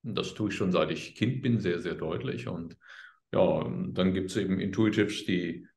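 A man speaking as an interview guest, explaining his work in a calm, earnest, unhurried way. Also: deep voice, vocal fry, echoey room. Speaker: guest, healer. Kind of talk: conversational interview.

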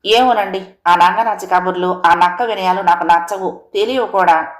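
A woman's voice: moderate pace, echoey room, natural voice. A woman voicing a young, resentful daughter-in-law who talks back in a raised, complaining voice. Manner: sharp, raised, complaining pitch.

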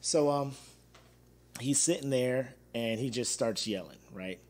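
Animated man telling a story in slang. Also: medium pitch, measured pace. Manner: waves at viewers watching live. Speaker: podcast host. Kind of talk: casual solo chat.

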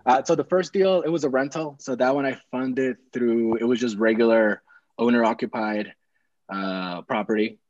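Over earbuds on a video call, a young man from Peru, a real estate investor guest, spins a rambling, casual story with plenty of fillers and restarts from a small room at home. He speaks at a moderate pace with a medium-pitched, darkish voice. The recording is dry and dull.

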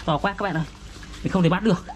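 Northern vietnamese guy, high voice, talks to little kids in simple repeated phrases, bit of outdoor noise. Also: rapid-fire. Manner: simple, repetitive talk as if to a toddler. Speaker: vlogger for young children. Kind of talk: casual child-directed show-and-tell. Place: outdoors beside a garden fish pond.

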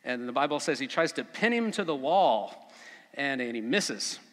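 A man preaching a conversational sermon as pastor at a pulpit microphone, relaxed, with frequent fillers. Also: mid-range voice, moderate pace. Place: church sanctuary. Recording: long church reverb.

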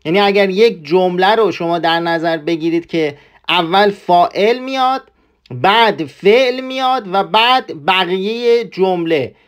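A man's voice: high voice, fairly bright tone. A man teaching German grammar and pronunciation in a patient way, repeating each point. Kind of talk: explaining a language lesson.

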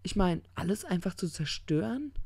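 A reader raises the voice to play a smug, tipsy demon who rambles and trips over his own words. The tone is gravelly and dark, and the recording is dry and close. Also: mid-range voice, big pitch swings, dry recording, pitched above the performer's own voice. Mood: indignant. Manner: slurred, halting drunken ramble. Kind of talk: audiobook character reading.

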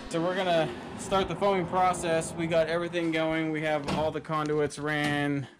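A man's voice: fairly high pitch, completely flat delivery, moderate pace, background noise. Easygoing man talking through a boat build. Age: adult, father of a son. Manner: easygoing, practical, talks through each step. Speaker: boat-building channel host. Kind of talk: casual how-to narration while working. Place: outdoor driveway workshop beside a boat.

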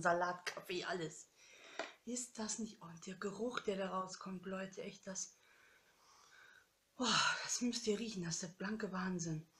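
A woman's voice: medium pitch, slight background noise. Gushing chatty woman crafter. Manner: gushing, chatty, laughs often. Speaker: craft vlogger. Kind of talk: casual chat unboxing a craft swap.

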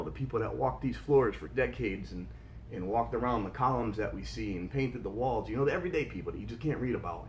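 A man in his forties, an urban explorer vlogger, talking casually to camera in a big old mill room, relaxed and hesitant, often repeating words. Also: mid-range voice, slight background noise. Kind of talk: casual vlog talk to camera. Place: indoors in a large old mill room by pipes. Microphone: camera at table distance.

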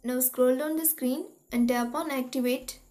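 A woman hosting a tutorial, reading step-by-step instructions in an even, methodical way. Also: sits high, normal speed, soft background music. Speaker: tutorial host. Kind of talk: scripted step-by-step tech tutorial.

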